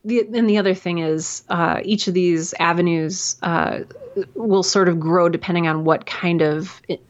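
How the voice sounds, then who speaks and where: On a muffled recording, a woman podcaster and audio drama producer chats freely in a casual interview. Her voice is fairly low with fairly even intonation at a normal speed, and she uses lots of fillers and restarts.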